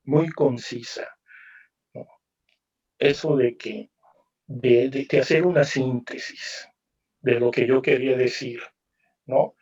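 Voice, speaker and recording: A man's voice: mid-range voice, fairly even intonation, takes it slowly, pauses often, a little mellow, recorded from a distance, muffled recording. A man speaking as a novelist at a literary panel, in a reflective, musing way with frequent tag questions. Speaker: novelist guest presenting his book. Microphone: video call.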